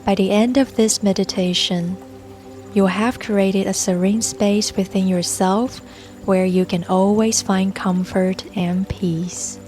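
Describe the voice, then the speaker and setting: Gentle and in no rush at all, a female guide reads a relaxing meditation script in a mid-range voice. A babbling brook and soft music fill the background.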